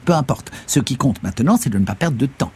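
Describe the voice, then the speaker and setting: A man voicing an excitable, loud older country uncle in an audiobook reading, agitated and pressing. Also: mid-range voice, fast, breathy edge, pitched above the performer's own voice.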